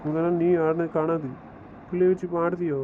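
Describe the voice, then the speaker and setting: A man's voice: on the high side, little pitch movement, brisk. A man on a family phone call, trading teasing, scolding banter with his sister. The sound is tinny and phone-like, with a faint hiss behind it. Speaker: older brother on a phone call. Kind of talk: casual family phone chat.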